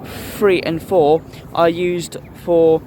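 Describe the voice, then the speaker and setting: A man's voice: a little high, level tone, extremely slow, warm tone, low-quality recording. A man giving a casual, explanatory vlog outdoors at a railway station. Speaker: vlogger. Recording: faint outdoor station noise. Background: trains and station ambience.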